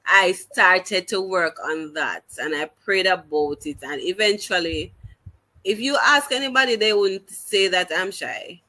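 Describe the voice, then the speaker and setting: A Jamaican-accented woman with a lowish, sharp-toned voice speaks as an interview guest. She is a teacher telling her story earnestly, with halting restarts and slips into patois.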